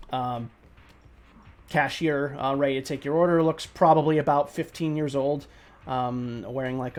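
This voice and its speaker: A man narrating a tabletop game as game master, relaxed and full of ums and likes. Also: medium pitch.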